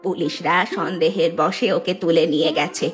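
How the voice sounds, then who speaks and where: A woman voicing a kindly old village woman who speaks in a gentle, soothing, motherly way. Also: lowish voice, steady tone, moderate pace, voice pushed down, natural voice. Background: background music.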